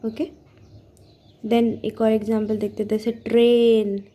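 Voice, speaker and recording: Mellow-voiced woman teaching phonics. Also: on the high side, monotone. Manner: patient, explains slowly, sounds out words. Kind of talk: casual home teaching lesson.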